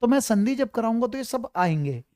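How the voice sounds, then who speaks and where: A man's voice: extremely high pitch, big pitch swings, brisk, mellow, no echo, clean studio sound. A man teaching a grammar class to students, repeating points, often checking that they follow and calling them "beta" to reassure them. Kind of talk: online class lecture.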